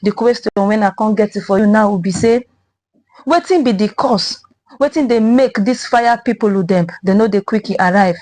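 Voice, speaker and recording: A woman's voice: medium pitch, normal speed, darkish tone, no echo. A woman with a Nigerian accent anchoring a conversational headline review in Nigerian Pidgin, dotting her phrases with "o" tags.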